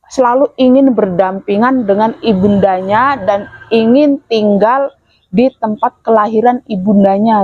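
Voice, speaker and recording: A woman's voice: mid-range voice, no echo, highs cut off. A woman hosting a spiritual channel. She explains in a polite, hesitant way, with many fillers and apologetic asides. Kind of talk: casual explanatory talk.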